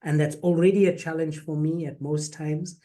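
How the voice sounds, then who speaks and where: A man's voice: fairly high pitch, little pitch movement, moderate pace, mellow. Chatty man hosting a video call. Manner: chatty, jokey, repeats words. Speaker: program faculty host.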